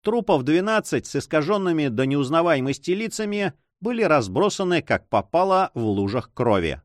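Male audiobook narrator, measured reading, lots of pitch movement, dry close sound. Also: very animated, no room sound. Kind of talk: scripted narration.

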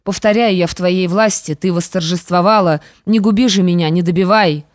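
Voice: medium pitch, brisk, dry recording, studio quality, close to an everyday voice. An audiobook reader voicing a once-proud stepmother who now speaks bitterly and pleads. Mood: pleading, bitter.

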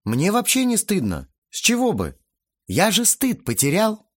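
A man's voice: high voice, huge pitch swings, unhurried, slightly rough, voice pushed up, exaggerated voice. A man voicing an insolent teenage boy who talks with sugary sarcasm, in an audiobook. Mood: mocking. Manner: sarcastic, mockingly sweet.

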